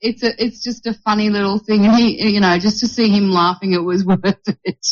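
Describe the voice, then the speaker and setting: A woman shares a personal story with a group, candid and quick to laugh. Her voice sits at a middle pitch. It comes through a dull, lo-fi recording. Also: flat delivery. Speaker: group participant. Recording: muffled lo-fi.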